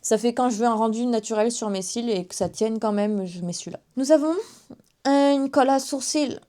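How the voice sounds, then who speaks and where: A woman's voice: on the high side, normal speed, mellow. Chatty young French-speaking woman vlogging. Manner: chatty, self-mocking asides. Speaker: beauty vlogger. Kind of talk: casual makeup haul chat to camera.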